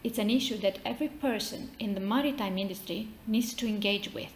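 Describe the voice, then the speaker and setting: A woman's voice: medium pitch, a little fast. A woman from Romania with a Romanian accent, delivering a prepared formal speech as an association representative. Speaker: maritime association representative, speaker. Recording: roomy echo with faint noise.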